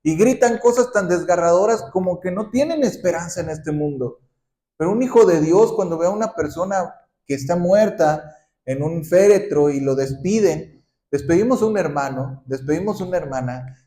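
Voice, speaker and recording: A man pastor preaching a sermon, often asking the congregation questions and ending points with a quick "¿sí?". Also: sits high, mellow. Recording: roomy echoing hall.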